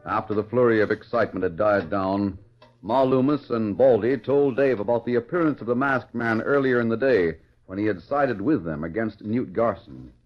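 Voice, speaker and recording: A man narrates a 1940s radio drama in a scripted announcer style, his voice on the low side at a moderate pace. Music plays behind him on a dull vintage radio recording.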